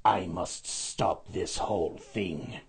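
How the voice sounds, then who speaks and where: A man voicing a sour, spiteful male Grinch who snarls, sneers and hisses his lines in a lowered voice. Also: slow, husky, full character voice. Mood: snarling. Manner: snarling, sneering, low hissing asides.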